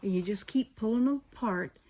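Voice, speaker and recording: Her mid-range voice is a little mellow and fairly quick as she leads a hands-on sewing tutorial, explaining each step in turn. Sewing machine noise and clicking run underneath.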